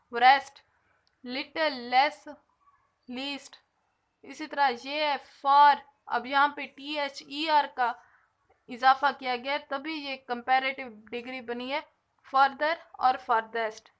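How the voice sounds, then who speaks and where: A woman gives an English grammar lesson, explaining with patience and slowly drawing out the example words. Her voice sits high and sounds a bit bright.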